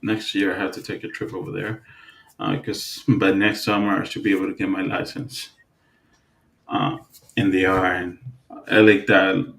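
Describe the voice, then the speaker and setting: A man from the Dominican Republic co-hosting a podcast, talking in a relaxed, halting way with many fillers and restarts. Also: sits low, creaky. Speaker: podcast co-host. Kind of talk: casual chat.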